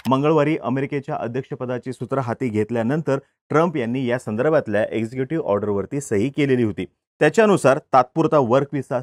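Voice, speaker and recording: A man's voice: mid-range voice, no echo, clean studio sound. A man hosting a news explainer, speaking steadily with occasional hesitation fillers.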